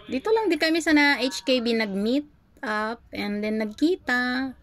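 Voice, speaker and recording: High-voiced Filipina voice-room host. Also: female voice, expressive, unhurried, fairly bright tone. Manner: playful, teasing, many restarts. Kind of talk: casual teasing chat. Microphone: phone in a voice-chat app.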